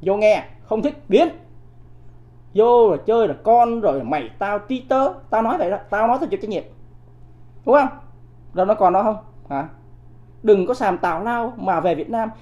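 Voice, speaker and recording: A man's voice: high voice, expressive, moderate pace, pauses often, a little mellow. A man, hosting a livestream of political commentary. He talks off the cuff, keeps asking the audience rhetorical questions, and scolds commenters bluntly. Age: 50s. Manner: combative, scolds viewers in blunt coarse language.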